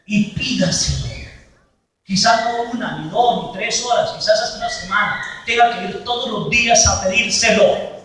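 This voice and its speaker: A man preaching a sermon as a priest at a healing retreat, emphatic, slowing and swelling on key words. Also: high-pitched, fairly bright tone. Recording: echoey hall from far off.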